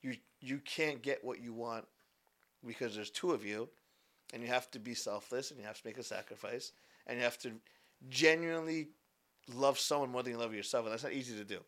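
A man's voice: medium pitch, brisk, fairly bright tone. A man in his twenties, a podcast guest in casual chat, talking animatedly, repeating himself and acting out what people say. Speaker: podcast guest, business founder.

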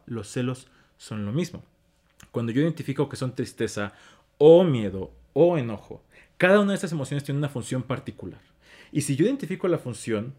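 A man with a Mexican accent talks fast in a casual conversation. He explains his feelings and keeps acting out his own inner voice, animated and direct. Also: medium pitch. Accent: Mexican Spanish. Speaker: guest speaking on emotions and relationships.

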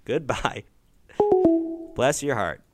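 Lively young man streaming and chatting. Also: mid-range voice, slow, soft background music. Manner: animated, swears, jokes with chat, reacts loudly. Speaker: streamer taking calls. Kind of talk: casual live-stream chat.

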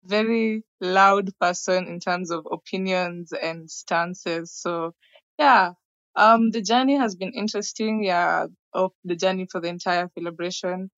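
Female guest from Kenya, slightly low voice, hesitant conversational phrasing, dull recording. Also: unhurried, a bit bright, dry recording. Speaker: podcast guest. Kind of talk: conversational interview answers. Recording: dull, dry lo-fi connection.

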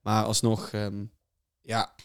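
A young man co-hosting a podcast, chatting in a relaxed way and telling stories with enthusiasm. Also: lowish voice, slow pace, vocal fry, clear, resonant tone. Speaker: podcast co-host. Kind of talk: casual chat.

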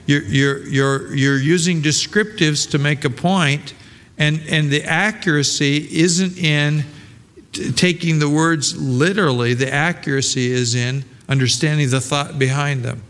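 A man's voice: fairly high pitch, steady tone, measured pace, a bit bright. A male pastor preaching a sermon in a conversational way, full of rhetorical questions and restarts. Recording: long hall reverb.

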